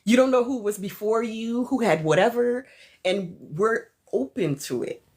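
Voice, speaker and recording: A woman's voice: fairly high pitch, unhurried, darkish tone. A woman vlogger chatting casually and animatedly with her viewers, often laughing. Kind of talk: casual chat with live viewers.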